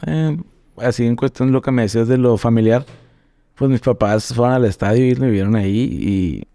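A young man with a northern Mexican accent tells stories on a podcast in loose, slangy talk, laughing now and then. His voice is gravelly and mellow, with a dark tone. The sound is dry and close. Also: medium pitch, a little fast, dry recording. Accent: northern Mexican (Monterrey). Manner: relaxed slangy storytelling, laughs often. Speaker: podcast guest. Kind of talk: casual chat.

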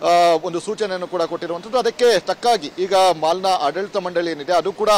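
Man, field reporter, high voice, halting, street noise faint. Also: a little mellow. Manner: halting, many fillers. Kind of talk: live news report. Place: roadside outdoors by a mall. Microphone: handheld.

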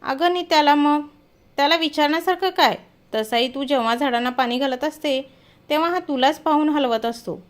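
A bold, mocking middle-aged auntie, as a woman storyteller puts her on, full of teasing questions. The voice sits a little high and carries a sly edge. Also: moderate pace, lightly acted.

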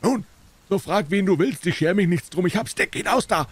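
A man voicing an angry, gruff male poultry dealer in a storybook reading, shouting in a strained, raised voice. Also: a little high, huge pitch swings, pitched above the performer's own voice, heavily acted. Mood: furious. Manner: shouting, bellowing, fast.

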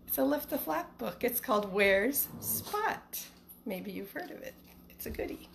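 Speaking slowly in a fairly high, gravelly voice with lively intonation, a middle-aged schoolteacher chats casually with young listeners and reads them a picture book over a livestream. She's in her small living room, and a phone at arm's length picks her up along with some background noise.

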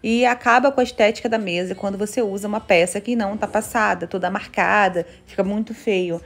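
A woman's voice: mid-range voice, fairly even intonation, fairly quick. Gushing Brazilian woman decor vlogger. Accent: Brazilian Portuguese. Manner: enthusiastic, gushing over decor items. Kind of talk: casual chat. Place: home kitchen, indoors.

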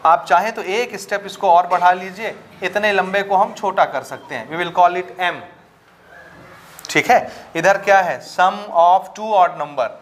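A man teaching a maths lesson with a Chhattisgarh Hindi accent, often asking if students follow and dictating English terms slowly. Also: high voice. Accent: Hindi-speaking Chhattisgarh. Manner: checks understanding with frequent rhetorical questions. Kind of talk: classroom lecture.

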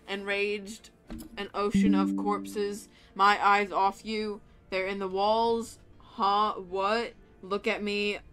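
Excitable woman streamer chatting mid-game. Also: mid-range voice, smooth. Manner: excitable, quick bursts, giggly. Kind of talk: casual chat while gaming.

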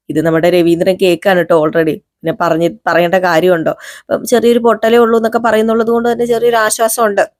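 A woman's voice: medium pitch, a little mellow, no room sound, studio quality. A woman casually recapping a TV serial episode, chatty and quoting the characters in her own voice. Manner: chatty, quotes characters in her own voice, frequent "ട്ടോ" fillers.

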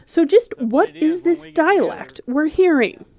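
A woman's voice: high-pitched, lively intonation, slow, darkish tone. A woman reporter reading scripted narration for a news feature.

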